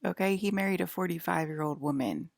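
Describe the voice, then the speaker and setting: A woman's voice: on the low side, fast talker, vocal fry, slight background noise. A woman in her forties speaking straight to her viewers in a rambling vlog monologue, defiant and scolding, checking in with them after nearly every point. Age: 40s. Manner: talks to viewers with frequent "okay?" and "right?". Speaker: vlogger. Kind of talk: rambling direct-to-camera monologue.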